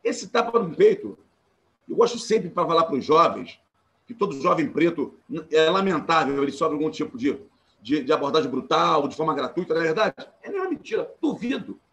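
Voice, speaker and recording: This panelist is a Brazilian man in his forties with a Carioca Portuguese accent, a former law student and activist, joining a live-streamed panel on a video call. His voice is on the high side and gravelly. He speaks earnestly and with emphasis, frequently restarting sentences.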